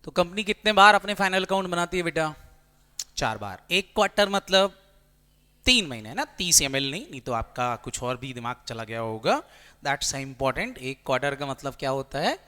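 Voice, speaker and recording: Bright-voiced man lecturing, long reverb. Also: fairly high pitch, big pitch swings, moderate pace. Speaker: commerce teacher. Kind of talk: classroom lecture.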